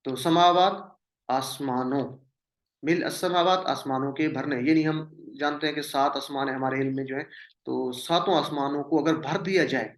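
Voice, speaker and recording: A man's voice: medium pitch, steady tone, reverberant. A man teaching a language lesson. He speaks patiently, repeats each word and its meaning as a drill, and mixes in English terms. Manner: mixes English words into the explanation. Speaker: Quranic Arabic teacher. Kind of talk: classroom lesson.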